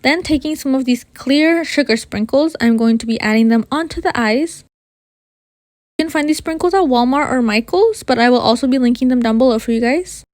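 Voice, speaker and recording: Lady doing a casual baking how-to, kinda high voice, bit of a lisp w whistly s, super dry sound. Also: fairly quick, darkish tone, no echo. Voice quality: slight lisp with whistling s from new braces. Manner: addresses viewers informally as you guys. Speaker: baking video host. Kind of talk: scripted how-to narration, friendly tutorial.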